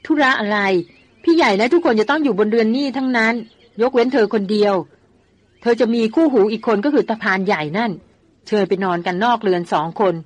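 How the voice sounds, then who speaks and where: A woman's voice: on the high side, dry recording, close to an everyday voice. A woman reading as a bossy young woman doctor. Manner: scolding, quick-tongued.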